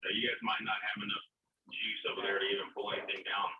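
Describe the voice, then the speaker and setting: A man's voice: fairly low pitch, flat delivery, quick pace. A man talking casually as a technician, troubleshooting over a distant, muffled link with some noise. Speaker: technician on a remote audio-video link.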